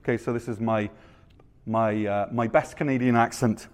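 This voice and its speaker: A man's voice: mid-range voice, steady tone, moderate pace. A man, preaching a sermon in a conversational, storytelling manner with rhetorical questions. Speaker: pastor.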